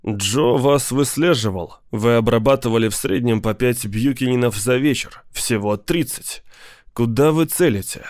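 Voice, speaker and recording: A man voicing a big, menacing lawyer who speaks slowly and with cool politeness. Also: mid-range voice, a little mellow, no echo, clean studio sound, close to an everyday voice. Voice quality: slow, measured, coolly polite. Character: big cold male mobster lawyer, menacing, patient.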